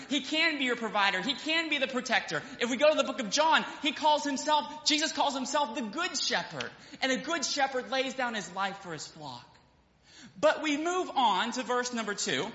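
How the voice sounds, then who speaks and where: A man's voice: extremely high pitch, bright, forceful tone. A man preaching a sermon as pastor, praying and reading scripture aloud to a seated congregation in a church. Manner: preaching with rising fervor, quotes King James scripture. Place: church sanctuary. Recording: echoey hall, dull sound.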